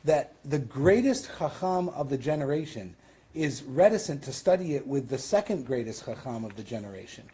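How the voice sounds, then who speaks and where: Husky Western New York rabbi teaching. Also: male voice, mid-range voice, expressive, normal speed, mellow. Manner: conversational, explains with questions and asides. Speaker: rabbi teaching a Talmud class. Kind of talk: Talmud class teaching. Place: synagogue classroom.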